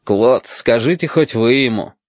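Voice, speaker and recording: A man's voice: medium pitch, unhurried, no echo, close to an everyday voice. A man voicing a cool, sardonic adult ship captain who speaks with dry scorn, in an audiobook reading. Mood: scornful. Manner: dry, cutting, composed. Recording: dull, dry audiobook recording.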